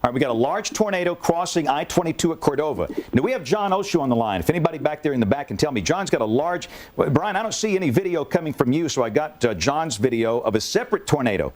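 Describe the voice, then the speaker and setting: A man anchoring live severe weather coverage, urgent and deliberate, repeating key warnings. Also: on the high side, animated, darkish tone.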